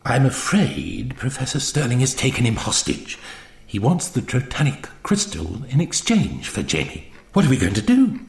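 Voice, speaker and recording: Man putting on Zoe, an excitable young girl. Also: medium pitch, moderate pace, creaky, reverberant. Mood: worried. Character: bright, excitable young girl, eager and earnest.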